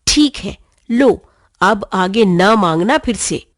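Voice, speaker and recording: A woman's voice: mid-range voice, expressive, takes it slowly, no echo, clean studio sound. A woman voicing a loving mother who scolds with pretend sternness in a children's storybook reading. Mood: mock-stern. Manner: mock-stern, affectionate. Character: patient mother teasing her son.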